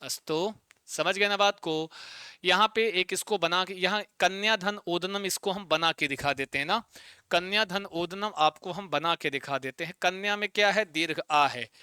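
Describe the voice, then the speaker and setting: Male Sanskrit tutor, fairly high bright voice, crisp and dry, constant "got it?" check-ins, spells out syllables slowly. Online exam-prep lesson. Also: no room sound. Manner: drills students with repeated questions and tag checks. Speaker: Sanskrit teacher.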